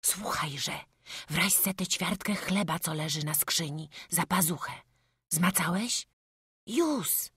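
A woman voicing a kind peasant mother who speaks in a hushed, gentle whisper. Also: on the low side, expressive, slow, husky, no echo, studio quality, voice pushed up, exaggerated voice.

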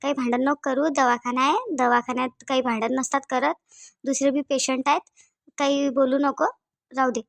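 A woman voicing a calm village woman in a cartoon, with a Varhadi Marathi accent, softly placating a friend. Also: high voice, moderate pace, gravelly, dry recording. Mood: soothing. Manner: soft, placating.

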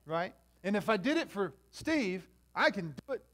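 A man preaching a sermon, talking directly to his listeners and swinging between quiet conversation and loud, impassioned preaching. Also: high-pitched, big pitch swings, normal speed. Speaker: pastor.

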